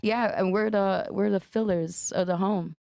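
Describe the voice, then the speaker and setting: A woman's voice: medium pitch, fairly even intonation, measured pace, vocal fry, a little mellow, no echo, studio quality. A young woman guest, talking casually and sassily in a heated podcast debate, laughing often.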